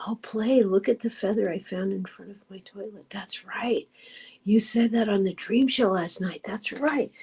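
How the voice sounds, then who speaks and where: Middle-aged woman, kinda husky, rambly casual chat on her stream, restarts a lot. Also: medium pitch. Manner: chatty, meandering, with frequent restarts and soft asides. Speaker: livestream host of a meditation group. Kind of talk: casual chat, reading viewer comments aloud.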